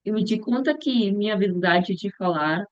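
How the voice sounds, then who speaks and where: A young woman muses through a casual vlog in a slow, hesitant voice. She pauses often, hunts for words, and restarts her phrases mid-sentence. The recording is dry and slightly muffled, with no room echo and a dull, lo-fi edge. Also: mid-range voice. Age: young adult. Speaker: future missionary practicing a language. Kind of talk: casual reflective vlog monologue.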